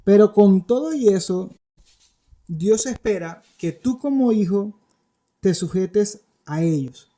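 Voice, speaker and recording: A man preaching a sermon to parents and teenagers, animated and conversational with playful asides. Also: sits high, takes it slowly. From Colombia. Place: studio.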